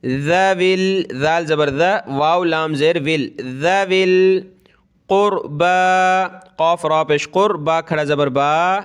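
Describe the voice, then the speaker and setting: A man teaching Quran reading, spelling out each letter and vowel mark and then chanting the word slowly, with quick explanatory asides in between. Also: fairly high pitch, steady tone, clean tone. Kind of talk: slow spelled-out recitation lesson.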